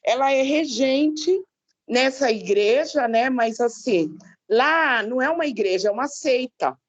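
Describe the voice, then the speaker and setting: A woman's voice: sits high, expressive, a little slow, muffled recording. A woman from Brazil sharing a personal testimony in a Bible class, talking conversationally and often ending with tag questions. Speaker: class participant.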